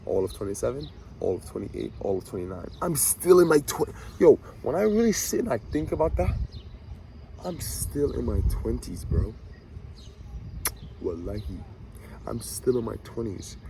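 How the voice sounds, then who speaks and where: A man in his twenties giving an animated, preachy motivational monologue to camera, talking to himself and his viewers with swagger. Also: mid-range voice, moderate pace, gravelly, slight background noise, low-quality recording. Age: 20s. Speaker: vlogger.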